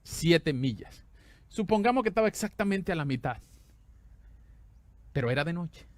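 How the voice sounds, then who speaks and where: A man preaching a sermon as a pastor, animated and conversational, swinging between loud exclamations and hushed tender lines while asking the congregation questions. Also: a little high, moderate pace, dry recording.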